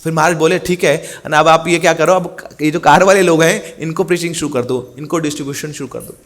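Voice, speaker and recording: A man's voice: a little high, fast talker, a bit bright. A man telling a story in a sermon, acting out the quoted dialogue. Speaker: preacher.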